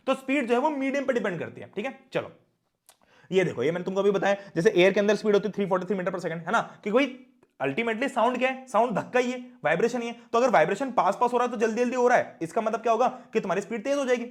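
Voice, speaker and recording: A young man teaching an online class, chatty and often asking his students questions. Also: high-pitched.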